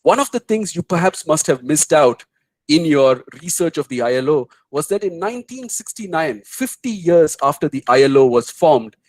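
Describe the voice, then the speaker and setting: A middle-aged man with an Indian English accent, speaking as a guest on a webinar and telling anecdotes in an animated way. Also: a little high, normal speed, dry recording, rough recording. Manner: storytelling, animated, mimics voices in anecdotes. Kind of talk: webinar talk answering questions.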